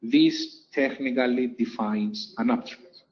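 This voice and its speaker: A man's voice: mid-range voice, slow pace, lo-fi sound. A man teaching a lesson over chart slides, explaining step by step and repeating key points for emphasis. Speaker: trading instructor.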